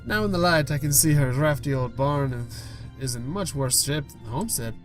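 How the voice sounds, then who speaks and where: A man reading a story game's text aloud, expressive, with quick asides to viewers. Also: on the high side, soft background music. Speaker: gaming YouTuber.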